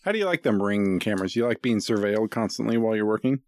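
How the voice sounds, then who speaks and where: A man's voice: fairly low pitch, animated, quick pace, darkish tone, dry recording. A man co-hosting a podcast in loose, joking chat, teasing his friends. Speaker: podcast host. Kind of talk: casual chat.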